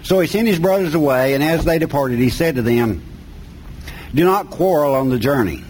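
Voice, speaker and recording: A man's voice: a little high, lively intonation, moderate pace, a little mellow, rough recording. Folksy Appalachian preacher man with background noise. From mountains of North Carolina, USA. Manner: folksy, plain-spoken, colloquial grammar. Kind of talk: sermon with scripture reading.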